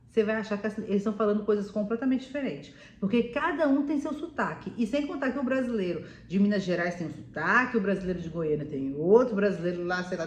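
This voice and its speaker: Chatty woman in an echoey room. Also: medium pitch. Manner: chatty, addresses viewer as "meu amor", many "né?" tags. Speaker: vlogger living abroad. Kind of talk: casual advice vlog.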